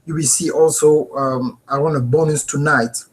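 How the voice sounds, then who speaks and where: A man in his thirties with a French accent hosts a live webinar from his home office, talking into a webcam. Earnest and animated, he checks in with viewers, his voice a little high and moderately paced.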